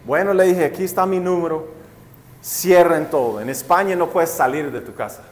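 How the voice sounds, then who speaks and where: Guy preaching a sermon, kinda high voice, tells stories and keeps asking the church "right?". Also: normal speed. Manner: storytelling with rhetorical questions to the congregation; addresses listeners as brothers and sisters. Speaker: pastor.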